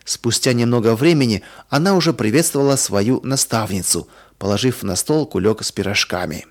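Brief: male narrator for a children's storybook, calm and even, mid pitch. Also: brisk.

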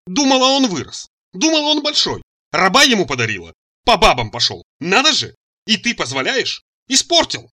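A man voicing a furious, imperious mother who scolds her grown son in a shrill voice. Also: huge pitch swings, moderate pace, sharp tone, heavily acted. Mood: furious scolding.

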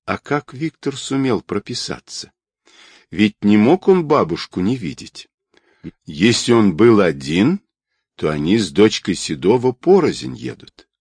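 A man's voice: lowish voice, big pitch swings, measured pace, a little mellow, husky, no echo, studio quality, heavily acted. A man voicing a cold, scheming woman crime boss in an audiobook, curt and commanding. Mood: brooding.

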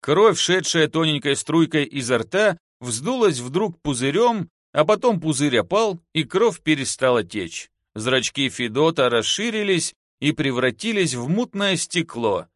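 A man narrating an audiobook with expressive storytelling. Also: fairly high pitch, a little slow, few pauses, dry recording, studio quality. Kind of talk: audiobook reading.

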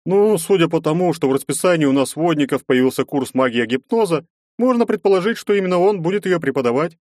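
Audiobook: man doing a raised, sharp-tongued young woman student, teasing and lecturing, dry close sound. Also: a little high, lively intonation, fast, no room sound, pitched above the performer's own voice, natural voice. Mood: reasoning. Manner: mocking, lecturing. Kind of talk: audiobook narration.

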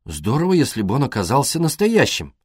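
A man's voice: medium pitch, wildly swooping pitch, brisk, a little mellow, husky, dry recording, studio quality, voice pushed up. A man voicing a cheeky, chatty young boy in an audiobook. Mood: brash.

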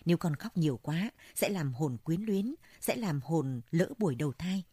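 A woman's voice: low voice, lively intonation, moderate pace, dark tone, husky, no room sound. A woman doing a soothing old grandmother. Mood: comforting.

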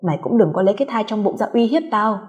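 A woman acts out a violent young husband, loud and contemptuous, spitting every insult with scorn. His voice rings out with a long echo, as in a large hall, at an ordinary pitch for her. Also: expressive, fairly quick, lightly acted. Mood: contemptuous rage. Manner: shouting insults, harsh and scornful.

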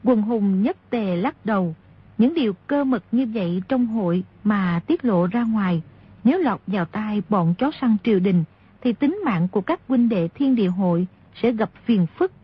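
A woman narrating a martial-arts novel in a steady storytelling voice. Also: mid-range voice, moderate pace, breathy edge. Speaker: audiobook narrator. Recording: dull lo-fi audio.

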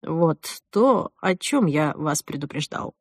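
A woman reading an audiobook voices a calm, condescending husband who coaxes his wife like a child. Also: on the high side, a little slow, husky, dry recording, studio quality, pitched below the performer's own voice, heavily acted. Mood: resigned. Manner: soft, patronizing coaxing.

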